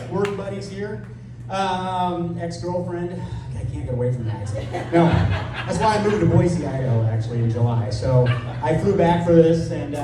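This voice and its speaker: Echoey, higher-voiced American man hosting comedy onstage. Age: 50s. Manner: self-deprecating. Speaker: comedy show host and promoter. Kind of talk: stand-up monologue, casual and chatty. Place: live comedy venue on stage. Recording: echoey live venue, distant, noisy.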